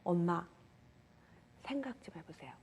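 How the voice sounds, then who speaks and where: A woman voicing a calm seven-year-old boy. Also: lowish voice, unhurried, husky, full character voice. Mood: calm advising.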